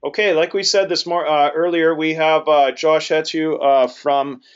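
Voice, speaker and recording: A man's voice: fairly high pitch, steady tone, normal speed, clean tone. Man moderating a webinar, lo-fi sound. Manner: informal, loosely worded. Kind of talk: live webinar hosting. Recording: dull lo-fi audio.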